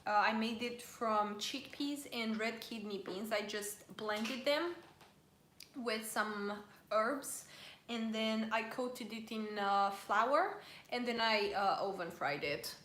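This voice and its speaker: A woman's voice: fairly high pitch, takes it slowly, fairly bright tone, echoey room, slight background noise. A woman hosting a casual live stream, chatting and reading viewer comments aloud while she eats.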